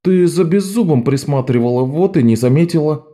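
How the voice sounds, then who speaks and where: A man's voice: a little high, expressive, fairly quick, pitched above the performer's own voice, natural voice. A man voicing a small, clever boy pickpocket who speaks hesitantly and sheepishly. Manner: hesitant, sheepish, quietly proud.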